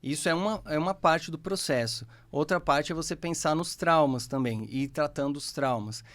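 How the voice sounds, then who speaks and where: A man's voice: fairly high pitch, moderate pace, fairly bright tone. A Brazilian man with a Brazilian Portuguese accent, a guest instructor explaining a therapy technique patiently in a podcast interview.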